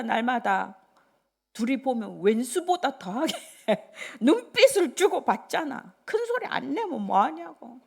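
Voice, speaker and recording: Gravelly older woman preaching with bursts. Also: sits high. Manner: animated, conversational preaching with sudden whispers. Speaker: pastor. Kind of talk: sermon.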